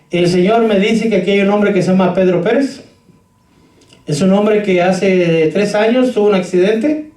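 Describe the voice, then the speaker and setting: A warm, high-pitched male voice preaches a sermon, the pastor telling stories and talking directly to his congregation in a church hall. The recording is echoey, his voice coming from far off.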